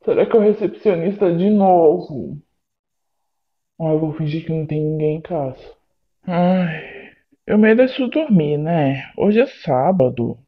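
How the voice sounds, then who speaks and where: A flustered, hot-headed young guy, voiced by a man in an amateur voice drama. He curses loudly, then quickly turns polite. The audio is a little muffled and lo-fi. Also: a little high, expressive. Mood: irritated.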